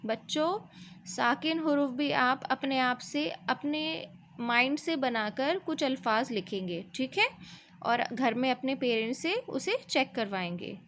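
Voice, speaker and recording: Lady teacher going over letters with little kids, high voice, slow and patient, faint room hum behind. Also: expressive, fairly bright tone. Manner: slow, patient, asks questions and answers them; spells out letters and syllables slowly. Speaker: Urdu teacher. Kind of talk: recorded revision lesson for young children.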